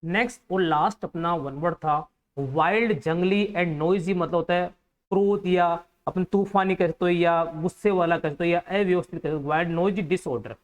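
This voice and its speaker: A man's voice: high voice, normal speed, muffled recording. An Indian-accented man teaching English vocabulary for competitive exams. He explains each word patiently, repeats it, and spells it out letter by letter. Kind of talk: vocabulary lesson for exam students.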